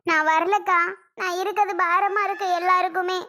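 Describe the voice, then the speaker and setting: A woman voicing a distraught young village wife in a cartoon, with a southern Tamil accent and a slow, self-pitying lament. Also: very high-pitched, fairly even intonation, pushed and bright. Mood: tearful. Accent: southern Tamil (Kanyakumari-Tirunelveli). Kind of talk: cartoon voice acting.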